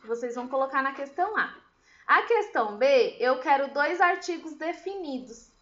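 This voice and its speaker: Patient woman teacher, high and lively. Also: moderate pace, roomy sound, highs cut off. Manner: patient, explains step by step with questions. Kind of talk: recorded remote class lesson.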